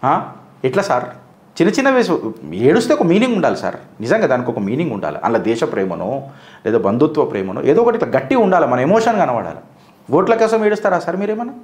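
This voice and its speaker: A man's voice: on the high side, very animated, quick pace, darkish tone, reverberant. Combative male commentator. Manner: combative, fires rhetorical questions straight at his target. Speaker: political commentator. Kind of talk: opinionated political commentary.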